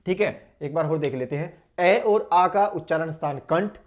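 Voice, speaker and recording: Guy teaching hindi grammar online, fairly high voice, says each vowel out loud then quizzes you. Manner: drills sounds aloud, asks and answers his own questions; repeats vowels slowly and loudly to demonstrate.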